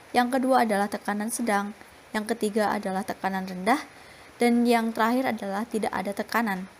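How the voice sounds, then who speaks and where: A woman's voice: on the high side, slight background noise. Young woman reading class slides. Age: young adult. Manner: steady, explanatory reading of slides. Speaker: student presenter.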